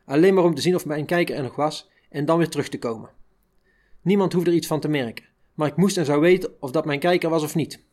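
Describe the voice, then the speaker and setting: A man reads a first-person memoir aloud, steady and measured. His voice sits fairly high for a man. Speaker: reader of a memoir.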